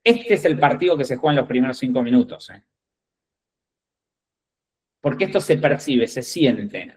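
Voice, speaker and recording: Un hombre con acento argentino, reclutador de ejecutivos, da una charla instructiva a candidatos con tono directo y enfático, y comprueba a menudo con "¿bien?" que le siguen. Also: male voice, medium pitch, rough recording. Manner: direct, emphatic, checks in with "¿bien?" and "¿ok?". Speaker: executive recruiter. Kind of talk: instructive talk to job candidates.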